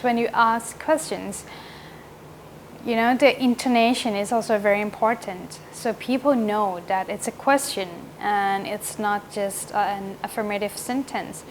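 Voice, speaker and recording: A woman's voice: fairly high pitch, slight background noise. A woman teaching an English grammar lesson, patiently correcting questions and often checking in with the class. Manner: patient, checks in with "right?" and "okay?".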